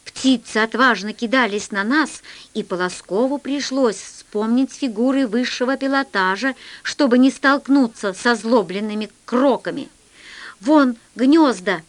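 A woman reading a children's science fiction story aloud as scripted narration, in an expressive storytelling manner. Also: on the high side, moderate pace. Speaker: audiobook reader.

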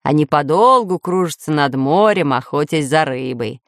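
A woman's voice: low-pitched, lively intonation, normal speed, dry recording, studio quality. Woman reading eager professor geographer. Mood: lecturing. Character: excitable learned male professor geographer.

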